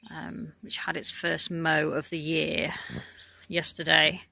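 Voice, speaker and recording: Low, gravelly woman touring her garden. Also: slow pace, no echo. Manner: relaxed, chatty, many ums. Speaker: gardening vlogger. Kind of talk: casual garden tour narration. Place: outdoors in a garden.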